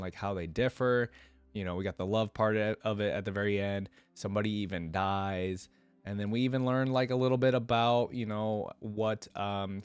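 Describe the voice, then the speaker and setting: Reading fantasy lore aloud for a reaction video, a man breaks in between passages with relaxed, informal commentary. His pitch sits fairly low, and there's no room sound at all.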